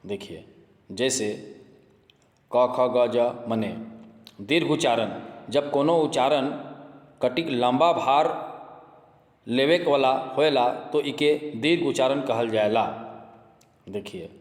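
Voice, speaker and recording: A man at a mid-range pitch leads a grammar lesson for exam students, his carrying an inflection. He repeats each point and keeps checking that his listeners follow. The room is echoey, with a long reverb trailing behind his voice. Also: takes it slowly, long pauses. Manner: repetitive, checks in with "ठीक है" and "देखिए". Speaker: teacher.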